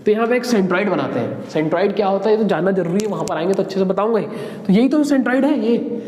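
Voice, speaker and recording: Man, engineering teacher, high voice, lecturing in a roomy hall with faint background hiss. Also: animated, fast talker, a little mellow. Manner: talks to students, asking and answering his own questions. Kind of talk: classroom lecture. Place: classroom with a board. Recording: echoey classroom with long reverb, faint noise.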